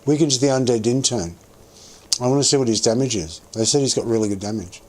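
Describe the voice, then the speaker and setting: A man's voice: mid-range voice, quick pace, a little mellow. A man streaming a game and chatting casually, thinking aloud with lots of restarts while chewing gum. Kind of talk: casual gameplay commentary.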